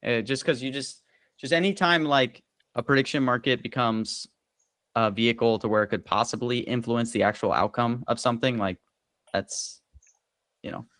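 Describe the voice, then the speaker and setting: A man's voice: medium pitch, fairly bright tone, no echo. A man with an ordinary mid-range voice gives careful opinions on a podcast. He stammers a little before making his point. The sound is close and dry. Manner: hesitant, measured opinions. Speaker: podcast co-host. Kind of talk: casual podcast discussion.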